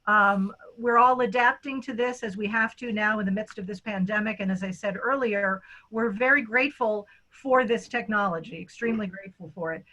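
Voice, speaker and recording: A middle-aged woman who directs a theatre company hosts an online event, handling introductions and thanks. Her mid-range voice has a sharp tone, and she talks a little fast with hardly any pauses, though the audio sounds dull.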